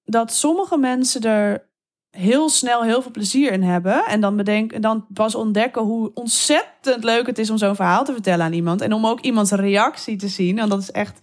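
Enthusiastic Dutch-speaking woman, candid. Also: a little high. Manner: open, enthusiastic, quick bursts with laughs. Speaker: guest telling erotic stories. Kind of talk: interview conversation.

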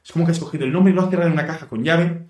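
Fast-talking man hypnotist. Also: on the high side, a little mellow, far from the mic. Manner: soothing suggestive patter. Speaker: hypnotist host. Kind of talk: guided hypnosis induction. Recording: roomy, off-mic.

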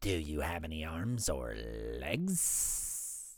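A woman's voice: extremely low pitch, very animated, slow, a little mellow, no echo, studio quality, pitched below the performer's own voice, exaggerated voice. A woman voicing a bored, snooty snake who runs an exclusive club in a storybook. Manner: drawling, uninterested.

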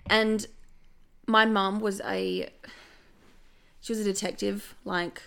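A young woman with a gravelly, fried edge to her mid-pitched voice. She tells stories as a podcast guest in loose, casual chat, animated and sprinkled with swearing. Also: takes it slowly. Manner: animated storytelling, frequent swearing.

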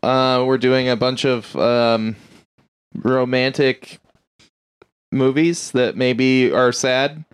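A man hosting a casual movie review podcast, talking haltingly with many fillers and restarts. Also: medium pitch, steady tone, clear, resonant tone. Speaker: podcast host.

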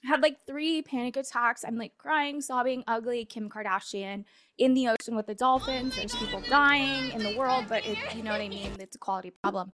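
A woman's voice: a little high, normal speed, a bit bright. A woman co-hosting a podcast, telling a story in casual chat with lots of fillers and restarts. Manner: rambling, filler-heavy storytelling. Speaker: podcast co-host.

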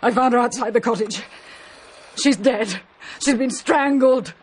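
A woman's voice: a little high, unhurried, breathy edge. A woman playing a blunt, brusque countrywoman in a radio drama, distraught after a shock.

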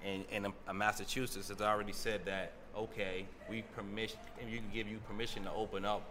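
A man's voice: fairly low pitch, little pitch movement, fast, noisy background. A man from Roxbury, Boston, as an interview guest, talking loosely with many restarts and fillers. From Roxbury, Boston, USA. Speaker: guest, entrepreneur. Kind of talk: casual interview chat.

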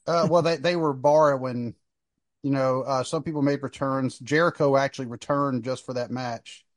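A male podcast host speaks in a mid-pitched, steady voice at normal speed, sharing opinions casually in a sports discussion. The recording is dry and close, with almost no room sound and no echo.

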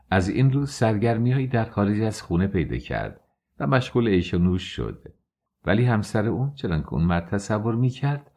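A man voicing a bold, sharp-tongued young courtesan in an audiobook, speaking in a taunting way. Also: on the low side. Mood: mocking.

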